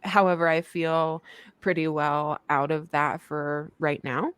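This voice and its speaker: A woman co-hosting a podcast in casual chat, playful and quick to laugh. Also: low-pitched, flat delivery, a bit bright, smooth, no room sound. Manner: giggly, chatty, playful. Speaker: podcast co-host.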